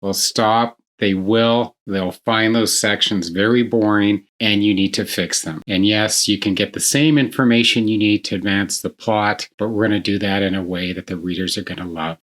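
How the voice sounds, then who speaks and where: Low-voiced man teaching fiction writing. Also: fairly even intonation, moderate pace, hardly any pauses, a bit bright. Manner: reads example passages aloud, then explains. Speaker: writing instructor. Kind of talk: writing tutorial.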